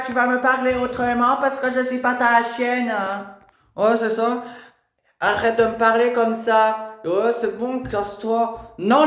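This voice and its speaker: A man voicing a rude, rebellious teenage girl who mocks and swears back at her mother, recorded in an echoey room. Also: a bit bright. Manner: shrill, mocking, swearing back.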